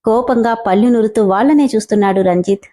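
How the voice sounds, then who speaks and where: A woman storyteller reading a serialized tale aloud, steady and even. Her voice sits on the high side with a mellow, soft tone. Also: fast. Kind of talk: storybook narration.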